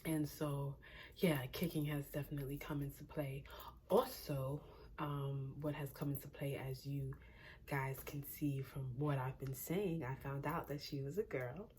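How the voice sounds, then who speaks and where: A young woman with a low voice talks through a casual pregnancy vlog, rambling and a little breathless from the pregnancy. She sometimes sinks into a near whisper. A faint hiss sits under the recording. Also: fairly even intonation, unhurried, a little mellow. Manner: chatty, rambling, laughs often, drops to a near whisper at times. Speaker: pregnancy vlogger.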